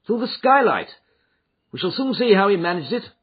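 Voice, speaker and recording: A man playing a keen, commanding Victorian detective, talking high, brisk and emphatic on a dull recording. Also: sing-song, breathy edge, exaggerated voice. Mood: urgent.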